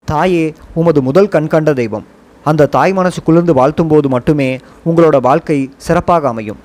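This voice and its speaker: A man reading a first-person memoir audiobook in a measured, reflective storytelling manner. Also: fairly high pitch, a little mellow. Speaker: audiobook narrator. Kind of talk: scripted first-person narration.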